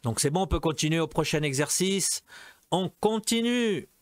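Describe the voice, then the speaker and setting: A man's voice: fairly high pitch, animated. A man teaching a French lesson, going through exercises patiently and explaining in both French and Portuguese. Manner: slow, patient, drawn-out teaching delivery. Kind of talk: recorded language lesson.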